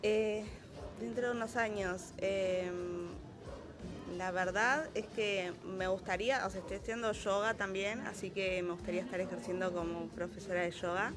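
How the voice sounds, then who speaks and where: A woman in her thirties with an Argentine accent talks casually about her work, pausing often on fillers. Clear background music runs beneath her voice throughout. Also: medium pitch, steady tone. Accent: Argentine Spanish. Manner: hesitant, many fillers. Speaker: university staff member interviewed. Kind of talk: casual testimony.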